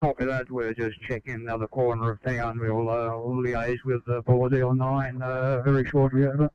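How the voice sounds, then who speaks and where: A man's voice: mid-range voice, level tone, moderate pace, a little mellow, clean tone, no room sound. An Australian man on an emergency rescue crew, speaking in clipped procedural phrases over a crackly walkie-talkie. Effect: crackly two-way radio. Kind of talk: terse radio dispatch traffic. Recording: narrow, crackly walkie-talkie radio transmission.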